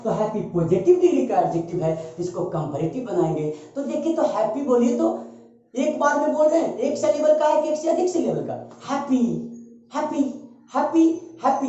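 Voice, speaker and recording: A man's voice: very high-pitched, warm tone. A male teacher giving a grammar lesson, explaining emphatically and repeating key points with tag questions. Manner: repetitive, emphatic explaining with frequent "है ना" tags. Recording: echoey room, distant dull mic.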